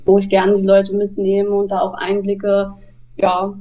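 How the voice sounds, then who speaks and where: A young woman talks as a podcast guest, her voice flat in melody and set back from the mic. She talks freely, padding sentences with small filler words. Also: mid-range voice, measured pace, far from the mic, highs cut off. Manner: flowing, uses filler words, halt, ne. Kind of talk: casual interview answers.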